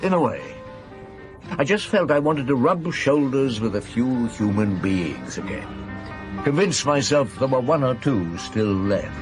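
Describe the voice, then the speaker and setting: A middle-aged British chief inspector in a radio play. He is shrewd and world-weary, pressing hard when he questions, and speaks at an ordinary masculine pitch. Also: very animated, measured pace, music in the background. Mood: tired, reflective. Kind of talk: radio drama acting.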